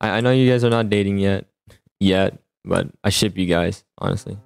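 With a deep, creaky, clean voice at a moderate pace, a man hosting a roleplay gaming video chats casually through an improvised game roleplay. He stammers and repeats himself often; music plays behind him and there's no room sound.

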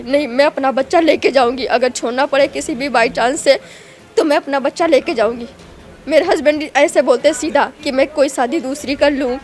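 A woman talking to a reporter outdoors outside a house, pleading her side of a family quarrel in earnest. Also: high-pitched. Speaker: daughter-in-law interviewee. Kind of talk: street interview.

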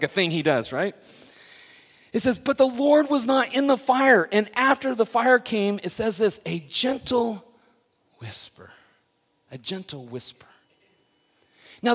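A middle-aged man, a pastor, preaching a lively sermon that swings from loud emphasis to hushed asides with self-deprecating humor. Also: high voice. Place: church sanctuary. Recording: live church hall with long reverb.

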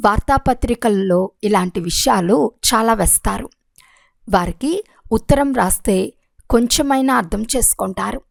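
A woman reading a religious discourse aloud in a steady, measured way. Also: mid-range voice, creaky, dry recording. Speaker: reader of a spiritual discourse.

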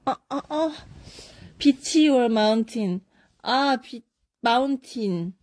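A young woman casually chatting on a live stream, reading viewer comments aloud and answering quick either-or questions. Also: a little high, expressive, darkish tone, no echo, clean studio sound.

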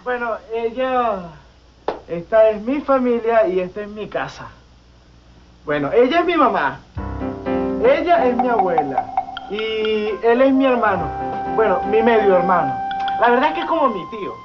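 A man's voice: sits high, sing-song, measured pace, long pauses. An actor playing a worried, agitated young man with a Venezuelan accent. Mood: flustered. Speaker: young son in a telenovela. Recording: dull TV audio with music.

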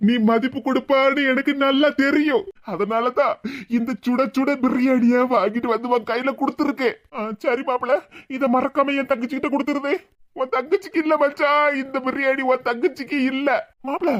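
A man's voice: very high voice, a bit bright. A man voicing two young village men in a cartoon, friends and brothers-in-law, bantering with melodramatic comic flourishes in a Tirunelveli Tamil accent. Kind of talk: cartoon voice acting. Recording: dull lo-fi sound.

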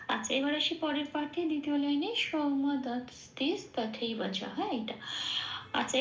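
Woman teacher, high voice, patient step-by-step explainer, dull roomy recording with faint hiss. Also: fairly bright tone. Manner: patient, checks in often with the listener. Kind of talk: explaining Sanskrit chanting pronunciation.

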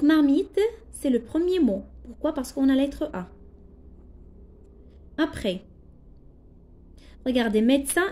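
Slow, patient Moroccan woman teacher. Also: sits high, dark tone. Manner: slow, patient, spells out letters and translates words. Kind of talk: classroom lesson explanation.

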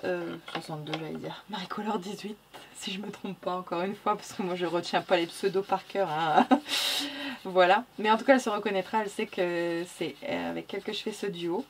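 A woman's voice: medium pitch, slight background noise. A woman with a non-standard French accent chatting casually through a coloring tutorial, correcting herself, muttering "hop" as she works and laughing at her own slips. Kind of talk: casual narrated drawing tutorial.

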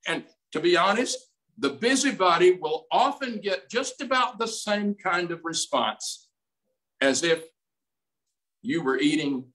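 A man in his eighties preaching a sermon as pastor, slow and emphatic in a folksy way, recorded on a desk mic in a small room. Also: sits high, lively intonation, sharp tone, rough recording. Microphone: desk mic on stand, streamed over video call.

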